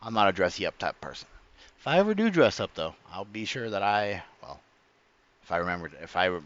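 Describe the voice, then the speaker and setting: A streamer reacting to clips offers casual, rambling commentary, frequently stopping to correct himself and swearing freely. His low voice swings widely in pitch, moves fairly quickly and sounds a bit bright, though the audio is dull.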